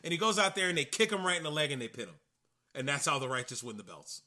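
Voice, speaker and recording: A man co-hosting a casual wrestling podcast, acting out matches and promos with sudden loud bursts. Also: fairly high pitch, sing-song, fast talker. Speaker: podcast co-host.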